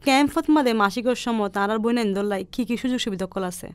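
A woman's voice: fairly high pitch, quick pace, clear, resonant tone, no room sound. A woman speaking Chittagonian Bengali, hosting and asking questions in a radio-style interview. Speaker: host and interviewer.

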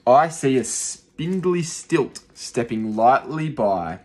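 A young adult male teacher, seated in a small room, reads a rhyming picture book aloud to young children with rhythm and expression. His mid-range voice moves slowly, and a phone close in front of him records it.

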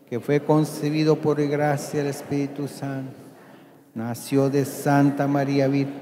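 A man leading Mass as priest, praying in a calm, deliberate, solemn way, with a long cathedral echo around his voice. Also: mid-range voice. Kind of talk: liturgical leading and prayer. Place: large church. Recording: long church reverb.

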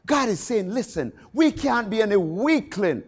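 Male preacher, very high voice, lively swooping delivery, passionate sermon with occasional shouts. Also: moderate pace, husky. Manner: impassioned, rising to shouts on key phrases.

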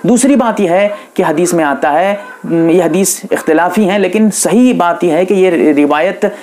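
A man's voice: high-pitched, moderate pace, darkish tone. A male Islamic scholar with an Indian accent explains prayer rules to his audience. He talks patiently and methodically, restating each instruction several times for emphasis. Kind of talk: religious instruction lecture.

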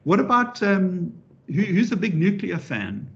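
A man giving an interactive public lecture as a professor, lively and animated, often restarting his sentences and adding wry asides. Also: high voice, measured pace. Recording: dull lo-fi recording.

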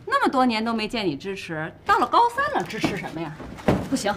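An actress playing a strict, sharp-tongued mother who scolds her ex-husband. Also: fairly high pitch, wildly swooping pitch, reverberant, noisy background. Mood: scolding. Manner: scolding, brisk. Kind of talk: TV drama acting.

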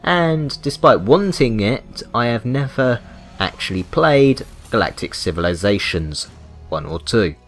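Speaking at a measured pace in an expressive mid-range voice, a British man gives rambling, unscripted commentary on a video game. His manner is wry and mock-indignant, and music sits behind the voice.

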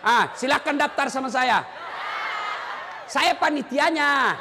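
A male preacher giving a humorous sermon, teasing and addressing the audience directly in an animated way, with a long hall reverb. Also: very high-pitched, slow, a crowd in the background, background noise.

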